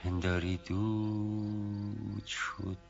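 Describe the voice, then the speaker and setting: A man's voice: on the low side, flat delivery, vocal fry, soft background music. An actor playing an old rustic male servant who talks in a folksy, rambling way, hesitating and then getting emphatic, in 1970s TV drama acting. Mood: musing storytelling. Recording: muffled lo-fi TV audio.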